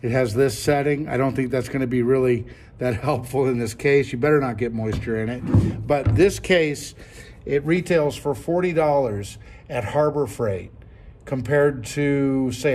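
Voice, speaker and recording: A fifty-something product reviewer sits at a classroom table giving a relaxed, step-by-step demo, narrating each move and repeating himself as he goes. His voice is medium-pitched, unhurried and slightly dark, with a faint hiss or hum.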